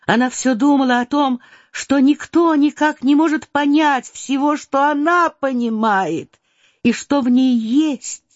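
A woman reading a classic novel aloud in an unhurried, expressive narration. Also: high-pitched, dry recording. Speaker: audiobook reader. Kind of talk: scripted narration. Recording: slightly dull dry recording.

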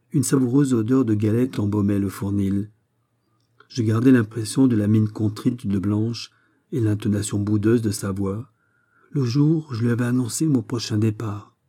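A man reading a literary short story aloud in a measured, even narration. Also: lowish voice. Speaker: audiobook reader.

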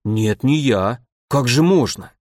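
A man's voice: mid-range voice, lively intonation, slow pace, a little mellow, dry recording, studio quality. A man voicing a groveling, frightened merchant who pleads and fawns, in an audiobook reading. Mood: fawning. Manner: pleading, fawning.

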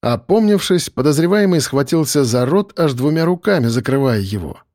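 A man narrating a first-person audiobook in a wry, lively storytelling manner. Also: fairly high pitch, normal speed, no room sound, clean studio sound.

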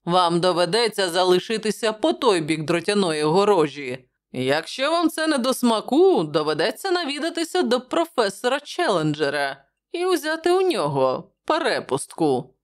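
A woman's voice: medium pitch, sing-song, normal speed, voice pushed up, close to an everyday voice. A woman voicing a jovial, wry male journalist who talks in a bantering way.

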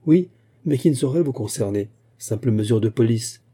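A man reading aloud and voicing a shrewd, courteous musketeer captain who speaks with polite insistence and quiet irony. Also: mid-range voice, lively intonation, normal speed, slightly rough. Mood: reassuring.

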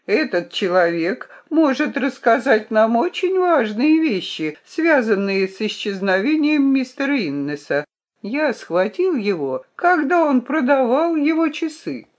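A man's voice: very high-pitched, sing-song, measured pace, voice pushed up, full character voice. A reader voicing a young male gardener who speaks bluntly and directly, without preamble. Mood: urgent.

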